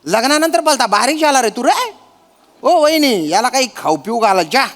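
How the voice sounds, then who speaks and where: A jovial, teasing son-in-law. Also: male voice, very high voice, expressive, a little fast, fairly bright tone. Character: boisterous son-in-law visiting family. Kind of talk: stage sketch comedy. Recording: stage with long reverb.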